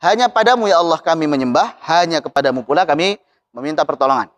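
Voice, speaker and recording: A man teaching Quran recitation, chanting verses slowly and then explaining them patiently to his students. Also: a little high, lively intonation. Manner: slow melodic chanting of verses between explanations. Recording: long hall reverb.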